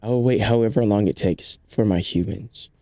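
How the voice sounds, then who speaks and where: A man's voice: lowish voice, moderate pace, dark tone, lightly acted. A man doing a sweet loyal pet dog. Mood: earnest.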